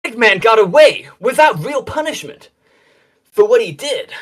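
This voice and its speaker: A man voicing a boastful teenage male hedgehog hero, reading fanfic lines aloud in a loud, shouty way. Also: extremely high pitch, big pitch swings, moderate pace, pitched above the performer's own voice, full character voice. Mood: indignant.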